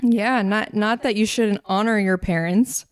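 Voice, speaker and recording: Woman co-host, casual faith talk, mid-pitched, chatty with asides, dry close mic. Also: smooth, no room sound. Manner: conversational, fillers and quick asides. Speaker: podcast co-host. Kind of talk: casual faith-based discussion.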